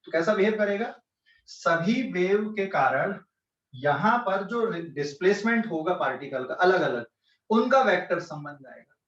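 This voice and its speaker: Man, central Indian accent, physics teacher, high-pitched, distant echoey lo-fi recording. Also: expressive, measured pace, fairly bright tone. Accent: Hindi-English mixed speech, central Indian. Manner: explains step by step, checks often if students follow. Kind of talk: online class lecture. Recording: echoey distant lo-fi online class.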